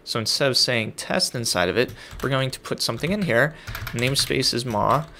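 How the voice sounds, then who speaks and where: Man, gravelly low-pitched voice, middle pitch, casual coding tutorial, thinking aloud, keyboard clicks. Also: fairly quick, sharp tone, slight background noise. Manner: casual, thinking aloud while typing code. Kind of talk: screen-recorded coding tutorial.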